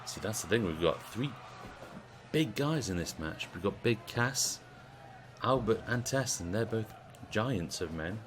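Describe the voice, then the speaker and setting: A British man giving casual play-by-play commentary on a video game wrestling stream, chatty and relaxed. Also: on the low side, a little slow, noisy background. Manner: chatty, relaxed, asks the audience.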